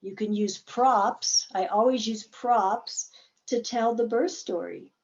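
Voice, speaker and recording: A woman therapist hosting a webinar, explaining her methods slowly and casually. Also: a little high, dull audio.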